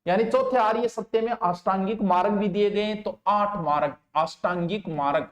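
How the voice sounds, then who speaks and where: A man teaching an exam coaching lecture, speaking emphatically and repeating key terms slowly for students to write down. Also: high voice. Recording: roomy echo.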